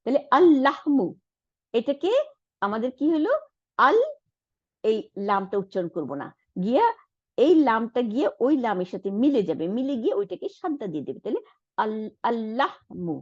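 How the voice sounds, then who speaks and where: A woman's voice: a little high, sing-song, fairly quick, a little mellow, no room sound. A woman teaching Arabic reading for the Quran step by step, often checking in with her listeners. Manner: explains step by step, often asks "isn't it?"; frequent hums and restarts. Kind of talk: online Quran Arabic lesson. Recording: dry, dull lo-fi sound.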